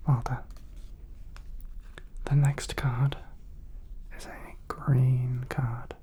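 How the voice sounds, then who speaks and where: A woman doing a soothing whispered role-play as a clinician, guiding the listener softly and close to the microphone. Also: extremely low pitch, flat delivery, drawn-out words, breathy edge. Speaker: ASMR host playing a clinician.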